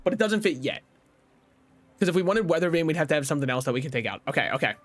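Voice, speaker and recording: With a fairly high, rapid-fire voice, a streamer talks through his card game plays in a chatty way, throwing in the odd swear word and cracking himself up. Faint music plays in the background.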